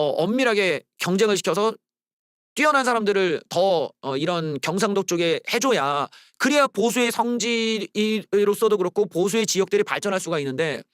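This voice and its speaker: High, lively man in a blunt rant. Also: no echo, studio quality. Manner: blunt, scornful, rants with rough slang; mocks slogans in loud shouted bursts. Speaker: political commentary host. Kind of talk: solo political commentary.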